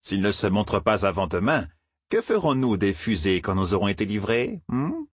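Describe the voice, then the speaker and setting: A man's voice: lowish voice, very animated, normal speed, husky, no room sound, studio quality. A man voicing a stubborn, grumbling old villager, contrary and sour. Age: older.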